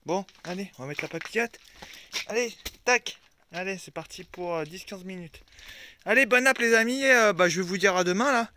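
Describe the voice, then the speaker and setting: Chatty van-life vlogger man from France, high bright voice, outdoors with faint background noise. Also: moderate pace. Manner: chatty, talks to his dogs and viewers. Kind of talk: casual vlog chat. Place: outdoors by a lake with his van.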